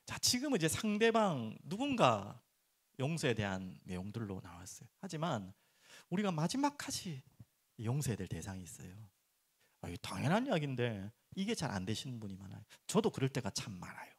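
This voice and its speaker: Middle-aged pastor guy giving a sermon, lively swooping voice, goes loud then soft and low. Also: brisk, husky. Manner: animated, acts out prayers and complaints in raised voice; drops to soft, low tones for earnest points.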